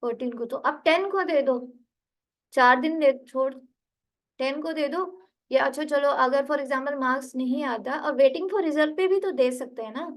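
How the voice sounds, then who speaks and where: During an online one-on-one tutoring session, a woman with a high-pitched voice, speaking at a measured pace, patiently corrects a student's word stress and reading for a spoken English test. The recording is rough.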